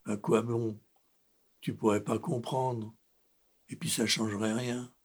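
Sulky, growling male lion, king of the animals, lonely and grumpy, played by a man; husky, unhurried delivery for a children's storybook. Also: on the low side, level tone.

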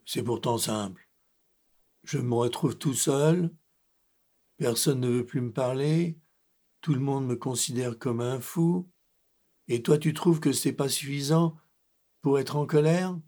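A man's voice: medium pitch, slow, pauses often, dark tone. A man voicing a sad, lonely male lion, king of the animals, who grumbles and growls as he talks in a children's story. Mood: sulky. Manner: grumpy, growling, sighing.

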